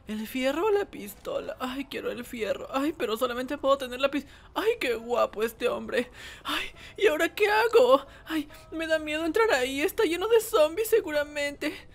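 A woman's voice: sits high, exaggerated voice. A woman voicing Whis, a timid, fussy male angel in a comic fan animation, sighing and shrieking in fright. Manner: camp, sighs "ay" constantly, shrieks when scared. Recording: game music playing behind the voice.

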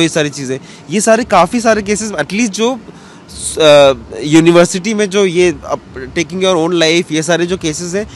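Seated on a bench in a public square, a high-voiced man from western Uttar Pradesh, India, answers an interview as a guest cartoonist. His reply is earnest and reflective, mixing in English words. The interviewer holds a handheld mic toward him amid street ambience and background noise.

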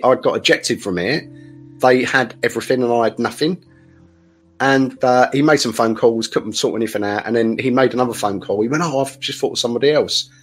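A man's voice: mid-range voice, slightly rough. A middle-aged man, telling his story as a podcast guest in a rambling, candid way full of restarts. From south-east England. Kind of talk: casual interview storytelling.

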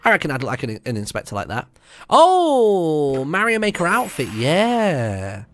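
A man's voice: fairly high pitch, wildly swooping pitch, a little slow, fairly bright tone. A young British man giving casual, chatty gameplay commentary to viewers on a close mic, thinking aloud as he plays. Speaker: video game streamer. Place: indoor room, streaming setup at home. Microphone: close microphone on a stand. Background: video game music.

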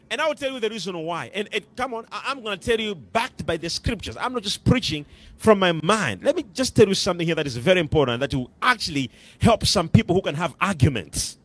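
A man's voice: high voice, a bit bright, no room sound. A middle-aged man with a Malawian accent preaching a sermon on a church stage into a handheld mic, emphatic and repeating his phrases. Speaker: pastor.

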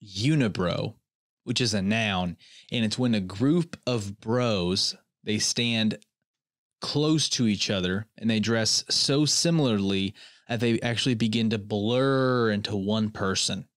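A man's voice: on the low side, slow pace, dry recording, clean studio sound. A young man hosting a comedy podcast, rambling in a mock-earnest way and often restarting his sentences. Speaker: podcast host. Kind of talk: comedic solo podcast monologue.

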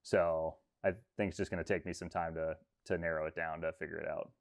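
Deep-voiced man, relaxed and rambling. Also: a little fast, vocal fry. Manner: relaxed, rambling, many fillers. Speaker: fishing guide. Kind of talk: casual interview talk. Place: room with textured ceiling. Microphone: video call webcam.

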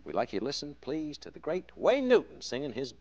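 A man's voice: on the high side, huge pitch swings, fairly quick, darkish tone, muffled recording, a little hiss or hum. A man hosting a studio game show, with a wry, conversational manner and joking asides. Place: television studio. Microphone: lapel mic.

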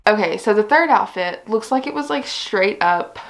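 Soft music plays behind a young woman with an expressive, mid-range voice who speaks at normal speed to camera in a fashion try-on vlog. She's bubbly and giggly, a little out of breath, and leans heavily on fillers like "like" and "I don't know."

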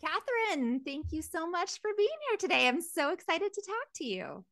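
Bright, lively woman podcast host. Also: extremely high pitch, normal speed, no echo, studio quality. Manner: bubbly and enthusiastic. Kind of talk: podcast interview.

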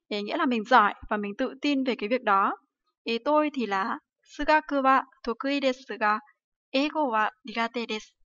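A Vietnamese woman teaches Japanese in a livestream lesson, speaking in a fairly high, slightly bright voice. She often asks rhetorical questions and uses many fillers. The livestream audio is dry, slightly dull, and free of echo.

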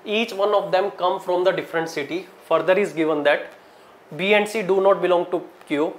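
A male teacher with a North Indian accent and a distinctly high voice works through exam problems. He speaks in short instructional chunks, repeating key items and stressing them as he goes. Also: fairly quick, slight background noise. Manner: instructional, short broken phrases with repetition and emphasis. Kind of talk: classroom lesson, solving problems step by step. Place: indoor teaching studio in front of a digital board.

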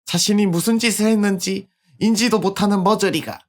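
Streamer as high, menacing predator girl. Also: fairly even intonation, brisk, natural voice. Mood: cold fury.

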